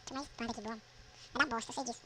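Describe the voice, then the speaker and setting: A woman with a Brazilian accent giving casual gameplay commentary, swearing constantly and yelling at the game. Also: on the high side, fairly even intonation, very fast, very noisy. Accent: Brazilian Portuguese. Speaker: gamer.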